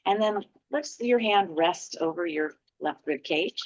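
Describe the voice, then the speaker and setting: A woman teaching a qigong class, guiding breathing and healing sounds in a gentle, encouraging way. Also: on the low side, expressive, measured pace, highs cut off. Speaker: qigong instructor.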